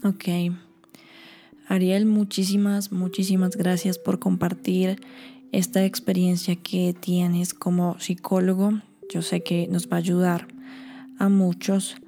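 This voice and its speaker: A woman host with a low, gravelly voice speaks slowly and in a flat, even line. Her tone is dark and mellow, and she hedges a little as she frames her question to the guest. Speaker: podcast host. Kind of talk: casual interview chat.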